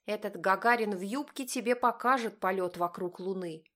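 A woman's voice: mid-range voice, normal speed, a bit bright, lightly acted. A woman voicing a sarcastic grown woman who mocks in a sweet, venomous tone. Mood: mocking. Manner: honeyed, venomous.

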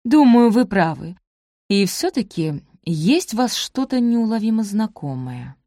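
A woman's voice: medium pitch, big pitch swings, unhurried, dark tone, dry recording, clean studio sound. A woman reading the part of a polite young woman who questions persistently. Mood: probing.

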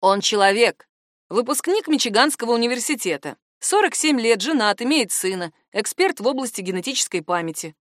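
A woman doing a calm male AI assistant. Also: a little high, no echo, studio quality. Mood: calm, insistent. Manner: measured, soothing, slow.

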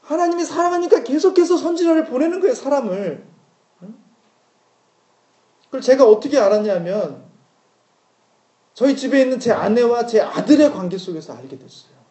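A man in his forties giving a sermon-style retreat lecture, telling a family story in a conversational, animated way with rhetorical questions. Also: very high voice, normal speed, pauses often. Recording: echoey lecture room recording.

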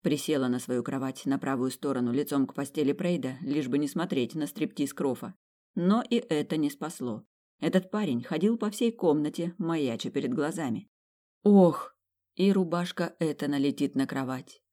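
A woman's voice: sits low, moderate pace, mellow. Wry woman narrating a storybook. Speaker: audiobook reader. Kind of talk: first-person narration of a fantasy romance.

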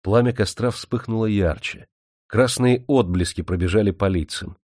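An audiobook narrator with a lowish voice reads a novel aloud from a script, keeping his storytelling measured and even. The studio recording is clean, with no room sound.

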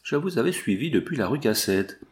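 A man's voice: medium pitch, lively intonation, a little fast, natural voice. A gloating, sneering old villain, as a male reader puts him on speaks in a mocking, taunting way, in a storybook reading. His voice sits in an ordinary middle range for a man. He relishes holding the upper hand.

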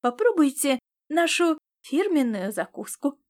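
A woman voicing a stout, sly male tavern keeper who talks in a flattering, unctuous way. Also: sits high, measured pace, pitched above the performer's own voice. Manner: fawning, unctuous.

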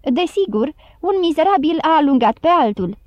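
A woman reading an audiobook voices a shouting, excited town crowd. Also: high-pitched, no room sound, lo-fi sound, voice pushed up. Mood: angry.

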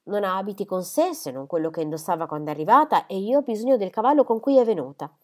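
A woman voicing a calm middle-aged male country doctor who speaks in a measured, reasoning way. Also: mid-range voice, lightly acted.

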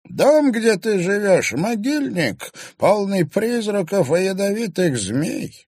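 Audiobook crone: old, spiteful, bitter, slow and shrill, over a dry close mic. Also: male voice, very animated, a little mellow, slightly rough, no echo, exaggerated voice. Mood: ominous. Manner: shrill, drawn-out, mumbling.

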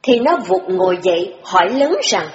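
A woman narrating an audiobook in steady, even storytelling. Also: medium pitch, normal speed. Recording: dull recording with long reverb.

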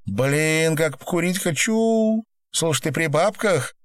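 A man voicing an excitable, tipsy teenage girl at a club, talking quickly and brashly in a raised voice. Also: fairly high pitch, no echo, voice pushed up. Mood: eager.

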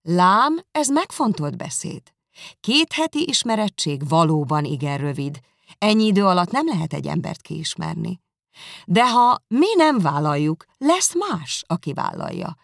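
An ironic, teasing father, calm and mock-serious, as a woman reading aloud puts him on. Her low, gravelly voice sits close and dry. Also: no room sound, full character voice.

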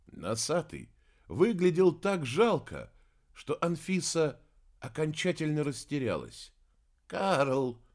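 A man narrating a fantasy audiobook with a dramatic, expressive reading. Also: fairly high pitch, takes it slowly.

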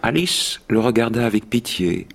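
A man narrating a children's story in a radio drama, with an even storytelling delivery. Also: fairly low pitch, normal speed, creaky.

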